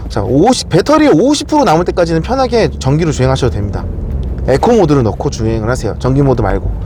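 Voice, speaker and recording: A man's voice: on the high side, a little mellow, slight background noise. A man presenting a casual explanatory walkthrough, often asking questions and answering them himself. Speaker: car video presenter.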